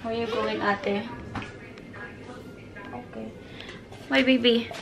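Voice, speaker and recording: Thirties mom vlogger from the Philippines, slow easygoing delivery, chatty and gentle. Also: female voice, a little high, fairly even intonation, vocal fry, over loud music. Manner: chatty, mixes English into her talk, coos gently to her child. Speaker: family vlogger, mother. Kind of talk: casual vlog chat.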